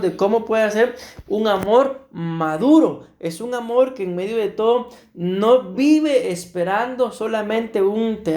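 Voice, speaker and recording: A male pastor from Costa Rica preaches to his congregation in a church, often calling them "mis amados hermanos" and punctuating points with "amén". His voice sits high with a darkish tone and sounds reverberant.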